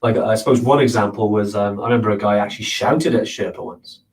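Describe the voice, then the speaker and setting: A man's voice: lowish voice, fast talker. A man hosting a casual live question-and-answer show, answering viewers in an earnest, rambling way. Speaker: host of a trekking live show. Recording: voice a bit far from the mic.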